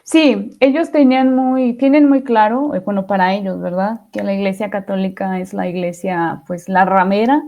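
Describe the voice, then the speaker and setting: Reflective woman, mellow voice. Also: mid-range voice, fairly even intonation, normal speed, hardly any pauses, lo-fi sound. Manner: reflective, often ends phrases with "¿no?". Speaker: podcast guest. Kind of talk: testimony interview.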